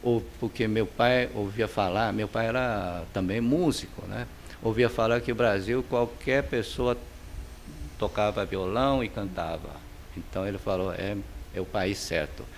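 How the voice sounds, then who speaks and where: A middle-aged man from China with a Chinese accent, giving relaxed interview answers about his painting, with many fillers and restarts, recorded on a handheld mic in his home studio. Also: fairly low pitch, moderate pace, slight background noise.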